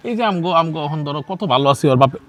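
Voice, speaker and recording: A man's voice: a little high, animated, very fast, a bit bright. An actor playing a meek young son torn between mother and wife, stammering and coaxing, in a TV drama. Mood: pleading. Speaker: son and husband. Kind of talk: TV drama acting.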